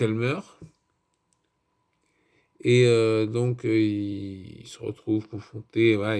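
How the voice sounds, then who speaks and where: A man's voice: fairly low pitch, gravelly, a little mellow. A man reviewing a film in a casual, rambling way, hesitant and full of fillers and restarts.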